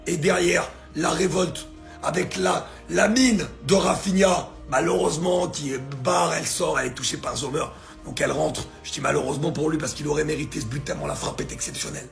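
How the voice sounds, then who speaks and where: A hoarse man, his voice worn out from shouting, reacting to a football match in a grandiose, emphatic way. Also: fairly high pitch, a little fast, soft background music. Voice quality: gravelly, strained voice. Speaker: football content creator.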